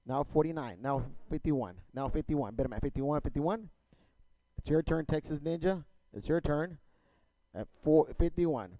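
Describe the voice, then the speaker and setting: A man working as an auctioneer, calling bids in a rapid, repetitive chant of numbers and stock phrases. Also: fairly high pitch, mellow, no echo, rough recording.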